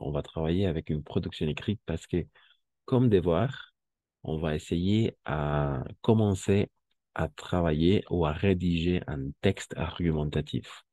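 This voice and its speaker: A man teaches a French class at an unhurried pace, going over each point patiently and checking that the students understand. His voice sits low and mellow. The recording is dry and close, with no room sound. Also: no echo. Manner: patient, repeats key words, checks with "right?". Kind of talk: live language class explanation.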